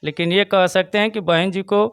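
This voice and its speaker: A man's voice: high voice, fairly even intonation, moderate pace, a bit bright, smooth. A man with a Bhojpuri-tinged eastern Uttar Pradesh accent, a local party booth president giving his earnest views in an interview and repeating his points. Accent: Bhojpuri-tinged Hindi of eastern Uttar Pradesh. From Chandauli, Uttar Pradesh. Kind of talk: casual political opinion interview.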